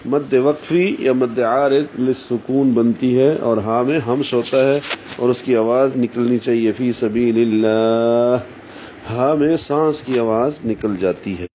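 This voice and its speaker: A man teaching Quran recitation, explaining each letter slowly and deliberately, and sounding out syllables as models. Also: mid-range voice, dark tone. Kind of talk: tajweed lesson, explaining pronunciation. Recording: dull, slightly muffled sound with faint hiss.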